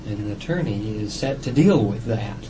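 A man with a fairly low voice speaks as a psychiatrist in an evaluation interview. He explains deliberately and at length, pausing and hesitating as he goes. The recording is a noisy old interrogation-style tape. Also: lively intonation. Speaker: psychiatrist doing a competency examination.

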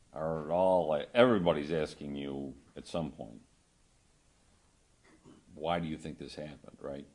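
Deep-voiced male lawyer questioning a witness. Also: darkish tone. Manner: conversational, halting phrasing, tags questions with "right?". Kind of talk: courtroom questioning.

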